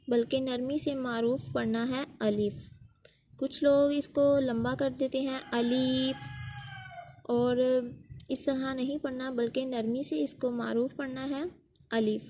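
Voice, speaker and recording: A woman's voice: high-pitched, dark tone. A woman teaching Quran letter pronunciation, speaking patiently step by step and repeating each sound as a model for learners.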